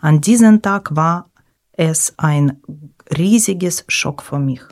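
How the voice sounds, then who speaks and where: A middle-aged woman speaks as a podcast guest. Her voice sits a little low, and she chooses her words slowly and with hesitation. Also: darkish tone. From Ukraine. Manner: careful, hesitant phrasing. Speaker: guest, former teacher.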